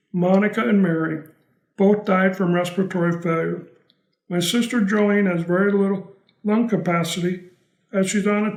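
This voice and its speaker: A man's voice: high-pitched, a little mellow, echoey room, rough recording. A man reading a prepared personal testimony as a patient.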